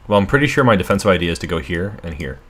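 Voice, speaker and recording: A man's voice: deep voice, sing-song, very fast, a bit bright, husky. A man thinking aloud through a chess game as a streamer, muttering asides while losing his voice. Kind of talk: casual live game commentary.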